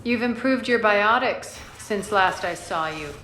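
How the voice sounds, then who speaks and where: A woman's voice: medium pitch, animated, measured pace, pushed and bright, echoey room, slight background noise, poor audio. A woman playing a haughty, sardonic alien crime boss in a video game, with a dry, drawling delivery. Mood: wry, teasing. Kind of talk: dramatic video game dialogue.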